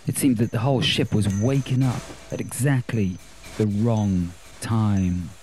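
A man narrating a story in a measured, steady audiobook style. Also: on the low side, soft background music.

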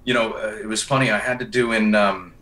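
A man who narrates audiobooks, chatting as a guest in a relaxed way with many fillers and restarts. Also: on the low side, fairly quick, distant mic, poor audio. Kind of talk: casual interview chat.

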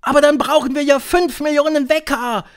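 A man reading an audiobook, voicing an excited crowd of female witches who shriek and clamour. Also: very high-pitched, moderate pace, pitched above the performer's own voice.

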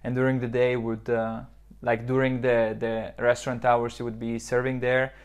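A young man in his twenties from southern Switzerland, a startup founder, answers reflectively in a podcast interview, full of fillers and restarts. His mid-range voice has little pitch movement, a moderate pace and a smooth quality. The lo-fi audio comes from a lapel mic in a modern indoor office lounge.

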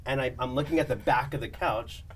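A man, a real estate agent, telling an anecdote on a studio panel show, lively and laughing as he acts out the people in it. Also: mid-range voice, brisk, recorded from a distance, a little hiss or hum. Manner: animated storyteller, laughs often, acts out quotes.

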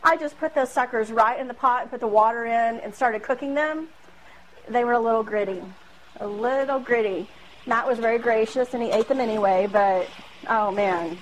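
Filmed by a camera on the far side of a small home kitchen, a home cooking video host in her thirties chats her way through a casual demo in a slightly high voice. She pokes fun at herself, laughing and using plenty of fillers, over a low-quality recording with slight background noise.

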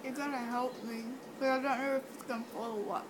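A woman's voice: on the high side, fairly even intonation, fast. A woman talking while eating ice cream, her lip numb and sore after stitches, mumbling and laughing through the pain in casual chat. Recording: hissy home video.

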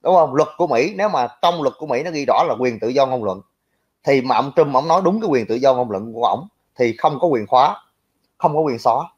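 With a mid-range, expressive voice that has a breathy edge, a young Southern Vietnamese-accented man speaks fairly quickly while ranting at viewer comments on a livestream. He's brash and crude, mocking his critics, and the audio is dull and lo-fi.

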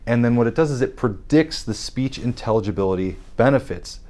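A man in his thirties, a guest audiologist in a studio interview, explaining test methods in a measured, precise way. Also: mid-range voice, animated, darkish tone. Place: dim studio set, seated in armchair.

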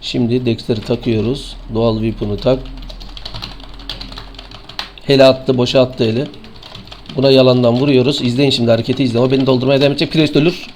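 Male streamer, Turkish accent, drowsy but fired up, cursing at rivals; warm, dark tone, light hiss behind. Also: medium pitch, quick pace. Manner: swearing, excitable, talks to opponents. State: sleepy. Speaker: game streamer. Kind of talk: live gameplay commentary.

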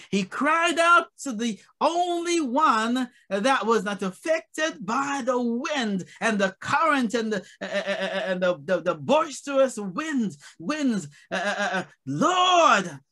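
A male pastor preaching a sermon, hesitating often with repeated words and building to shouted emphasis on key phrases. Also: very high-pitched, lively intonation, takes it slowly, hardly any pauses. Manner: repeats a refrain over and over.

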